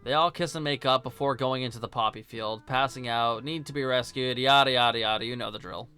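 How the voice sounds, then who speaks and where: Speaking briskly in a smooth, mid-range voice with a bright, forceful tone, a male host narrates a film review for a video essay. The commentary is casual and opinionated, blunt and sarcastic with some swearing, set against background music.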